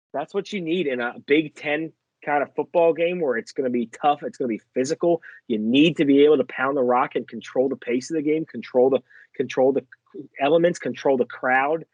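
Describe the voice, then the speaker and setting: A man's voice: a little high, no echo, dull audio. A man from the Philadelphia and New York area with a New York accent, co-hosting a casual sports betting podcast, rambling and correcting himself as he goes. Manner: rambling, self-correcting, fast bursts. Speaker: podcast co-host.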